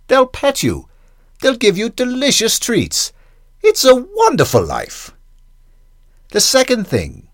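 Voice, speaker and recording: A man's voice: a little high, dry recording, clean studio sound. A man voicing a smug, scheming male house cat who lectures a kitten in a sly, theatrical way. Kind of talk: comic monologue reading.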